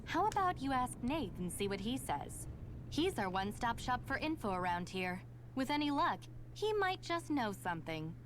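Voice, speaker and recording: Lively, upbeat young rebel woman. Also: on the high side, normal speed, a little hiss or hum. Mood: cheerful, teasing. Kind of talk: English video game dub. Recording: game music over the voice.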